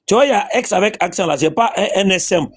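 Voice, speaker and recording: A man's voice: high-pitched, expressive, quick pace. A man in a religious debate, insistently repeating his questions.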